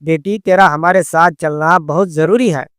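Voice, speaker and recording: A man's voice: fairly high pitch, moderate pace, fairly bright tone, clear, resonant tone, no echo, studio quality, lightly acted. A man doing an insistent middle-aged mother. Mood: coaxing. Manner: pleading then complaining.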